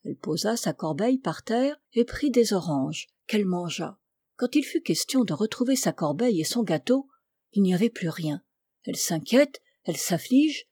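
A woman narrates an old fairy tale in a measured, expressive storytelling manner. Her voice is mellow and warm, with a soft edge. The recording is close and dry, with no room sound. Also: mid-range voice, slightly rough, no echo. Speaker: reader.

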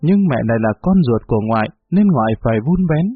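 Husky man reading a story. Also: medium pitch, animated, fast, dry recording. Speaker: narrator. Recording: tinny phone-like, faint music.

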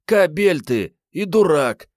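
Young woman, bold and mocking, sharp tongue, pitched well up; read by a man in an audiobook. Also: big pitch swings, takes it slowly, no room sound, clean studio sound. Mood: scolding. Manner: mocking, bold, coarse banter. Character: brash, sassy young woman, crude and teasing.

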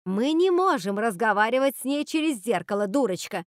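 A woman's voice: on the high side, big pitch swings, a little fast, no room sound, clean studio sound, voice pushed up. A woman voicing a scheming, cruel witch sister who snaps and gloats. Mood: gloating. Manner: snappish, cold, gloating.

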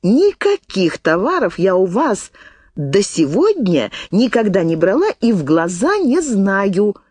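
A woman's voice: fairly low pitch, no echo, exaggerated voice. A woman doing a folksy old peddler woman. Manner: folksy storytelling, lively and indignant. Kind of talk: audiobook reading.

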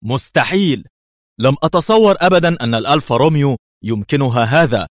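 A man's voice: mid-range voice, a little fast, dry recording, studio quality, voice pushed up, natural voice. A man voicing astonished male police officers who cry out in disbelief. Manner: loud excited cries.

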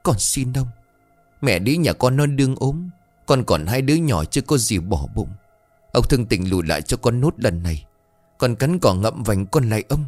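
A man's voice: lowish voice, brisk, no room sound, soft background music, voice pushed up. A man voicing a desperate poor peasant man who begs in a raised, tearful voice. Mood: pleading. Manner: pleading, tearful, lifted voice.

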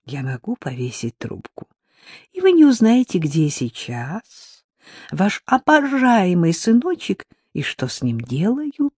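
Picture a sharp-tongued woman blackmailer purring sugary threats down a phone line, as an audiobook reader puts her on. The pitch swoops up and down constantly, and her sweetness drips with mockery. The sound is dry and close, with no room at all. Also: huge pitch swings, takes it slowly, husky, no room sound, full character voice. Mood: honeyed mocking. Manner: sugary and mocking, then barking orders. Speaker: character in an audiobook. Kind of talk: audiobook character reading.

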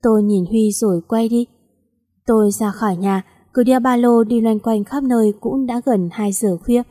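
Soft-toned woman reading a story. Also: on the high side, fairly even intonation, normal speed. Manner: reads all characters in one voice. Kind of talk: audiobook story narration.

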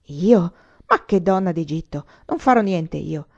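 A woman voicing a proud, touchy young male student who speaks lively and sometimes haughtily, in a storybook reading. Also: mid-range voice, moderate pace, close to an everyday voice. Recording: slightly muffled recording.

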